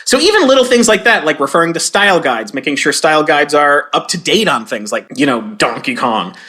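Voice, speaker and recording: Being interviewed as a guest, a game localizer and comedy writer in his forties recounts stories with lively intonation at a fairly quick pace. His slightly high voice sounds pushed and bright, rising when he acts out quoted lines.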